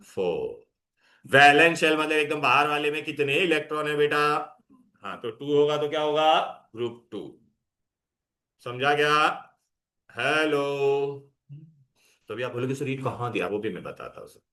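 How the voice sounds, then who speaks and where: A man's voice: a little high, expressive, a little slow, long pauses, sharp tone. A man teaching chemistry in a classroom, coaxing his students along and mixing in English terms. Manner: coaxing, calls students "beta", mixes Hindi and English. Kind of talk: classroom lecture.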